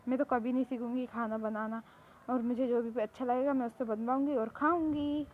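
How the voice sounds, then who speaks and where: A woman's voice: on the high side, fairly even intonation, brisk, phone-quality sound, a little hiss or hum, lightly acted. A woman voicing a pampered, playful young woman who pleads and whines in a spoken fan story. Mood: smug. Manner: pleading, whiny.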